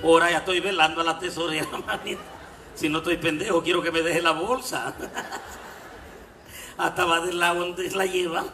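A Mexican man with a coastal Guerrero accent, performing live stand-up with loud, rowdy joke telling. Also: level tone, normal speed, pauses often, distant mic. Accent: coastal Guerrero Mexican Spanish. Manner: rowdy, loud, shifts into shrill voices for characters. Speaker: stand-up comedian. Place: stage at a live show. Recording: echoey live venue with music.

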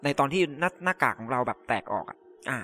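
A man's voice: mid-range voice, animated, quick pace, pushed and bright. Casual man translating game text aloud. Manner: reads in-game messages aloud and translates them on the fly; loose, filler-heavy talk with polite particles. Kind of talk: casual let's-play commentary.

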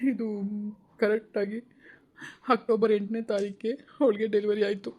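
A man's voice: sits high, level tone, moderate pace, muffled recording. A man hosting his family vlog, crying as he talks to his viewers with a Kannada accent, repeating himself. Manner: tearful, pleading, repeats phrases. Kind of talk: emotional personal vlog talk to viewers.

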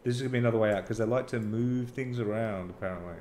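A man's voice: fairly low pitch, rapid-fire, a little mellow, reverberant, slight background noise. A man playing a horror game and talking himself through it, often flustered. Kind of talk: casual gameplay commentary.

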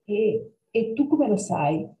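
A woman's voice: medium pitch, animated, slow, mellow, reverberant, low-quality recording. A woman voicing an impatient young girl who keeps pleading and insisting, in a spoken storybook reading. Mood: eager.

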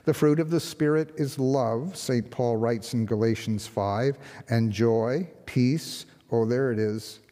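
A man's voice: slow, hardly any pauses. An older man, an interim pastor, preaching a sermon from a lectern with a conversational tone and rhetorical questions. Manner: conversational, rhetorical questions, lively pitch swings. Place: large church sanctuary, behind a lectern. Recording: long hall reverb in church.

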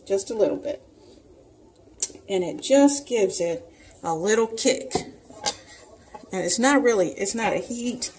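A woman's voice: mid-range voice, darkish tone, a little hiss or hum, poor audio. A woman hosting a home cooking video, chatting casually and talking viewers through each step as she cooks in her kitchen.

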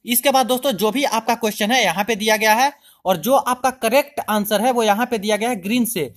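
Male channel host with a high voice, chatty step-by-step tutorial narration, keeps calling viewers friends. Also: brisk. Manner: step-by-step instructional. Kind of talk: screen-recorded tutorial voice-over.

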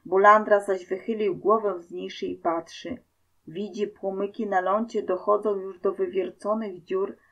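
A woman reading a folk tale aloud as narrator, in a slow, expressive storytelling manner. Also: mid-range voice, highs cut off.

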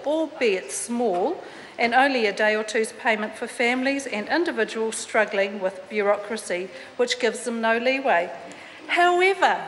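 A woman's voice: fairly high pitch, a little hiss or hum. A middle-aged woman, an opposition member of parliament giving an indignant debate speech full of fillers and restarts, at a desk mic in a large wood-panelled chamber. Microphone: desk microphone. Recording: reverberant chamber with faint ambience.

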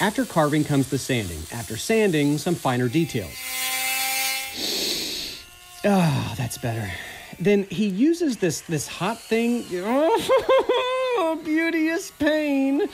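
A man's voice: high-pitched, very animated, takes it slowly, background noise, heavily acted. A man, a TV news reporter, voicing a playful wooden teddy bear who narrates a news feature in the first person with jokey, teasing asides.

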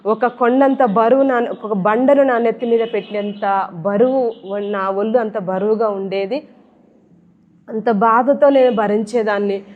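A woman's voice: on the high side, steady tone, unhurried. A woman giving an earnest personal religious testimony and repeating her phrases as she tells it. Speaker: church member giving testimony. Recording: tinny phone-like sound.

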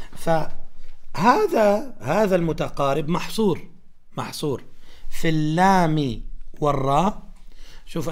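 A man gives a religious lesson on Quran recitation rules. He talks in a patient, repetitive teaching manner, sprinkling in blessings. He slows down to model each example carefully. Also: on the high side. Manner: repeats phrases, often says "barakallahu fikum", slows down to demonstrate recitation.

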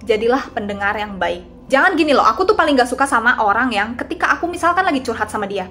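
A woman's voice: fairly high pitch, lively intonation, fast, sharp tone, faint music behind. A young woman in her twenties giving casual, confiding advice straight to her viewers, like a vlogger chatting about feelings. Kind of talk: casual talking-head advice.

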